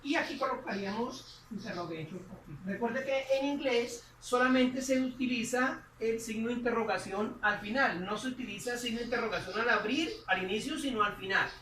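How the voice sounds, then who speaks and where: A woman with a somewhat high voice teaches a grammar lesson, speaking slowly and repeating each phrase while she writes. She sounds distant from the mic in an echoey room with a faint hum behind her. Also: a bit bright. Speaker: English teacher.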